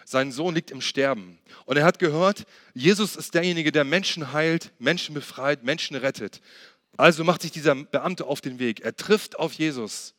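A man's voice: fairly high pitch, normal speed, a bit bright, no room sound, studio quality. A man preaching a sermon, earnestly asking the listener questions and retelling a Bible story in his own words. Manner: acts out the Bible figures' words in plain retelling.

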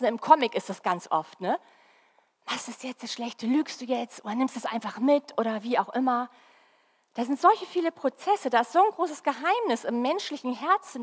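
A woman's voice: fairly high pitch, in a large hall. A woman preaching a Christmas sermon in a church, talking straight to her listeners with questions. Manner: lively, addresses listeners directly with questions.

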